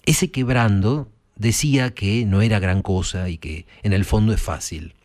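A man's voice: on the low side, measured pace, a little mellow. A man with an Argentine accent hosting a talk and addressing listeners in a conversational, emphatic way. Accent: Argentine Spanish. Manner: conversational, emphatic, with many fillers and tag questions. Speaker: host discussing film and rock. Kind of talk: reflective spoken commentary to listeners.

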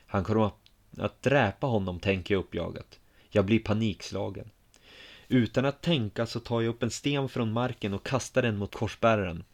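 A man telling a first-person story in a calm, measured, quiet way. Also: on the low side.

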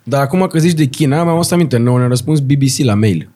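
Man, drummer guest, casual chat, jokey stories, medium pitch. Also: expressive, mellow. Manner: chatty, jokey storyteller. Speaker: band drummer.

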